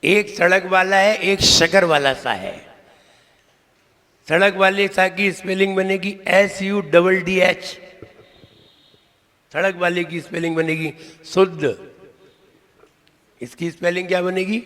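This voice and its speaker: A man's voice: high-pitched, measured pace, pauses often, sharp tone. A man, a Jain monk, giving a sermon-style pronunciation lesson in a temple hall, teasing listeners and repeating words to drill them. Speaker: Jain monk teaching recitation. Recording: long hall reverb.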